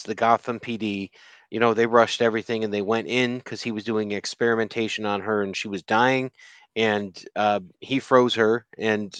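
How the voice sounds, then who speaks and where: Lower voiced guy, laid back, stumbles a bit, dry podcast mic. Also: fairly bright tone, clear, resonant tone, no echo. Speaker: podcast co-host. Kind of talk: casual comic book discussion.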